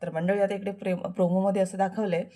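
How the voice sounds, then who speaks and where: A woman's voice: medium pitch, level tone, quick pace, dark tone. Chatty woman recapping a TV serial. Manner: chatty, addresses listeners directly. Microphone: voice-over.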